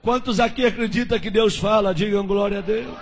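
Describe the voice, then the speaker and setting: A man from Brazil, a pastor telling a story in a sermon, his delivery dramatic, dropping to a hush and rising to shouts. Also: sits high, steady tone, a little fast, slightly rough, a faint crowd. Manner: dramatic, swings from hushed to shouting.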